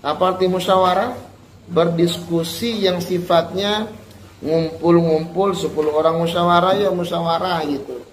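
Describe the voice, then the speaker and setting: High-voiced man teaching a religious lesson. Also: a little hiss or hum, poor audio. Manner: chants Arabic text slowly, then explains it in lively, colloquial speech with repetition. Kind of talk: Islamic study lesson to students.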